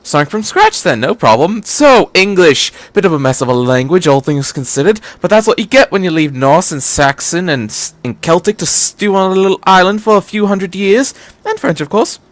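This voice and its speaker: A man's voice: high-pitched, expressive, moderate pace, dry recording, voice pushed up. A man voicing an eccentric, playful time-traveling doctor who chatters airily and wanders into digressions, in a story reading. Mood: breezy rambling. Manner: airy, digressive, quizzical chatter.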